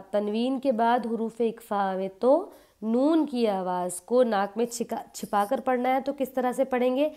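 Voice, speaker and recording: A woman teaching Quran recitation, explaining patiently and drawing out example words slowly. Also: on the high side, mellow.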